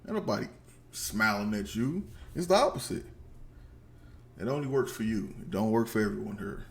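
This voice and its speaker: A man's voice: lowish voice, lively intonation, moderate pace, gravelly. A man with a headset giving blunt, slangy commentary while reacting to a video at home. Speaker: reaction streamer.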